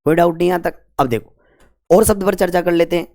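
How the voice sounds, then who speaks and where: A man's voice: high-pitched, fast talker, a little mellow. A man teaching grammar, repeatedly asking and answering his own questions in a colloquial way. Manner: repetitive call-and-response questioning, colloquial 'apan'. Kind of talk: whiteboard grammar lesson.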